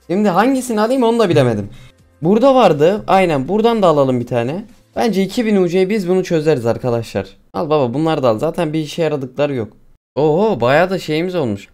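A young man casually commenting as he plays a mobile game, excitable and pleading with the game as he talks to his viewers. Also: high voice.

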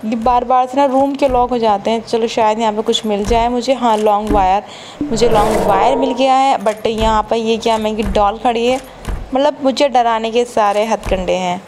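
A woman's voice: a little high, fairly even intonation, normal speed, noisy background. A woman streamer giving casual let's-play commentary, chatty and teasing, with mock-scared exclamations. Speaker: gaming streamer.

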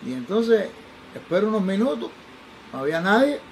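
An older man from Cuba, speaking with a Cuban Spanish accent, is a forensic toxicologist telling animated stories from his own life and acting out the voices of people he quotes. His high voice swings widely in pitch at a moderate pace, and the rough recording has a bit of hiss or hum.

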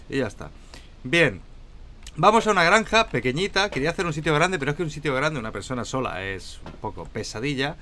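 A man's voice: medium pitch, bright, forceful tone, slight background noise. A young man from Spain with a Spanish accent, chatting and joking to viewers during a solo game commentary. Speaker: gaming YouTuber.

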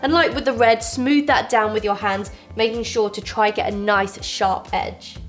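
A woman's voice: a little high, fairly even intonation, normal speed, soft background music. A young woman, hosting a baking tutorial from her home kitchen and giving friendly, reassuring step-by-step instructions. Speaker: baking show host. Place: home kitchen with fairy lights.

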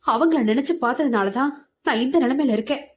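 A woman's voice: high voice, fast talker, breathy edge. A woman voicing a young female student who speaks in a hurt, defiant and emotional way. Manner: emotional, pleading.

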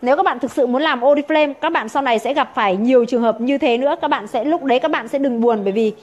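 A woman's voice: sits high, fast talker. A woman training sales consultants, emphatic and full of rhetorical questions. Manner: emphatic, rhetorical questions, acts out quoted objections.

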